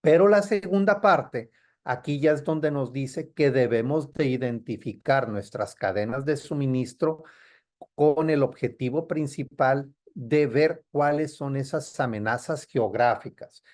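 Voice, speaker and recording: A man's voice: mid-range voice, measured pace, darkish tone. A man, a trade compliance consultant, explaining security rules in a didactic way and checking in with his listeners. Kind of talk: explanatory talk.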